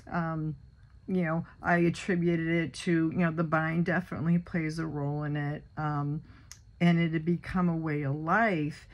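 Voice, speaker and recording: A woman in her sixties talking casually in a personal vlog, rambling with many fillers and restarts. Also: low-pitched. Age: 60s. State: a little choked up. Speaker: vlogger.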